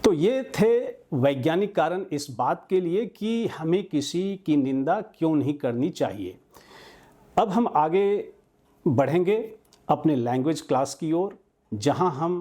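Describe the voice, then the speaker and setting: A man hosting a show, delivering scripted, reflective narration in a measured way. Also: fairly high pitch, expressive, a little mellow. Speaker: show host.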